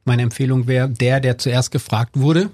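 A middle-aged man, a family counselor, explaining parenting calmly in conversation with some hesitation fillers. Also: medium pitch, moderate pace, dry recording. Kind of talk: conversational expert advice.

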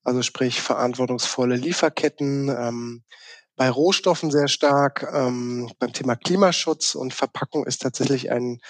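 A man's voice: mid-range voice, normal speed, dry recording. A man from southern Baden, a podcast guest explaining his work in a conversational way. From southern Baden, Germany. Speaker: podcast guest, sustainability manager.

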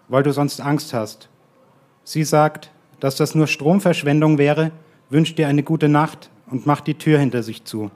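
A man reading his own short story aloud at a live radio event, in a calm and measured way that slows to quiet, drawn-out lines. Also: on the high side. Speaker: guest author reading his own text.

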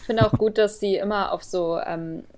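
A woman with a mid-range voice co-hosts a relaxed conversation. She talks in a lively, curious way and drops bits of English slang into her speech. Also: mid-range voice, moderate pace. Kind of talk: casual chat.

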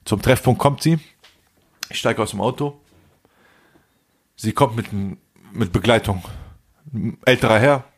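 Husky man in his forties telling stories. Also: lowish voice, a little slow, pauses often. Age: 40s. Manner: street slang, animated anecdote with acted quotes. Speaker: podcast co-host. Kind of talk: casual storytelling chat.

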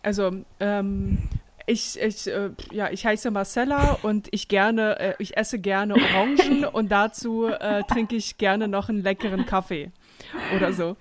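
A woman hosting a podcast in a relaxed, encouraging way. Her voice is mid-pitched and chatty. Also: a little slow, a crowd in the background. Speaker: podcast host. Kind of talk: casual interview.

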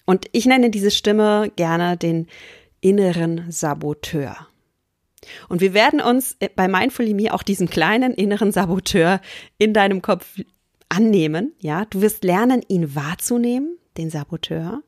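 A woman life coach giving an earnest, emphatic motivational course pitch. She slows down and sometimes drops to a whisper to stress a point. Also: no echo, studio quality.

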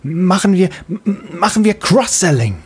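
A woman's voice: fairly low pitch, lively intonation, moderate pace, slightly rough, voice pushed up. Man doing an eager stammering little girl freebie. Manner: childlike and stammering.

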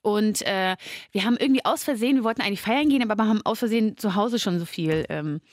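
A woman co-hosting a casual chat, telling lively anecdotes with lots of fillers. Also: mid-range voice, fast talker, no room sound, studio quality. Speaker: podcast co-host.

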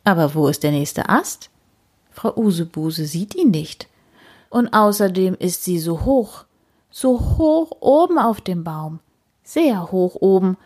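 A woman reading a children's story aloud, slow and expressive with deliberate repetition. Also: on the low side.

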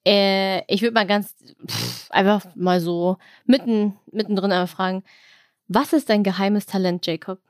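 A woman's voice: mid-range voice, moderate pace, no room sound. Chatty woman host, dry sound. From Germany. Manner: chatty, many fillers and restarts. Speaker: podcast host. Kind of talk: casual chat.

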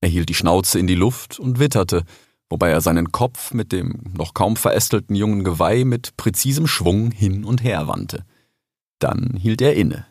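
Male audiobook narrator, lively melodic reading, dry close sound, storytelling. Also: sits low, moderate pace, breathy edge, no room sound. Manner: expressive, animated storytelling.

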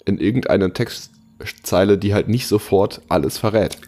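A man with a husky, slightly low voice runs a quiz on a podcast. He chats casually and explains things at a loose, rambling pace, full of fillers. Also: normal speed, dark tone. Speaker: podcast co-host running a quiz. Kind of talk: casual chat.

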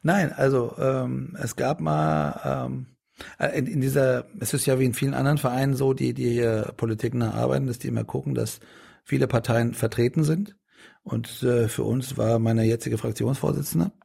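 A man's voice: mid-range voice, fairly even intonation, normal speed, vocal fry, mellow, slightly rough. A middle-aged man in a casual interview, talking in a rambling way with many restarts and fillers. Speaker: politician guest.

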